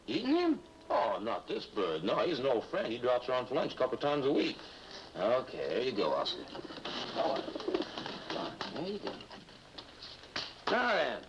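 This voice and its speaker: An actor playing an easygoing, kindly American private detective with a folksy, teasing manner in a 1950s TV drama. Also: male voice, mid-range voice, huge pitch swings, normal speed, pauses often, highs cut off. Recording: noisy vintage TV soundtrack.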